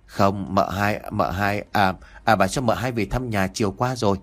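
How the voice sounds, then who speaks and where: Male narrator playing a sly older matriarch, lower voice, bossy and evasive, storybook. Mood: commanding. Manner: hurried, commanding, evasive. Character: cunning stout old mistress of the house.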